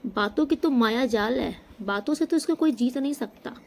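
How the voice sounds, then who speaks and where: A woman giving a tarot reading straight to the viewer, emphatic, often checking in with a quick "okay?". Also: fairly high pitch, gravelly. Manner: emphatic, addresses viewer directly with frequent "okay?". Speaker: tarot reader. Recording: faint background noise.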